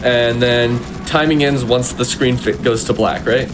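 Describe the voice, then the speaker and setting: Male speedrun commentator, mid-pitched, casual delivery, noticeable game noise behind him. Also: fairly even intonation, unhurried.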